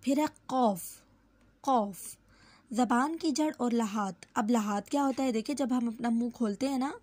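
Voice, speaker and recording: A woman teaching how to pronounce Quranic letters, who repeats each sound slowly and drawn out and explains with small fillers and self-corrections. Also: a little high, darkish tone, dry recording. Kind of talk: step-by-step lesson on letter pronunciation.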